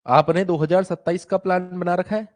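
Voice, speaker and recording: A physics teacher in a live online class, a man with a fairly high voice. He talks in a chatty, teasing way and often breaks into little impressions of students and newsreaders. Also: fairly even intonation, a little fast.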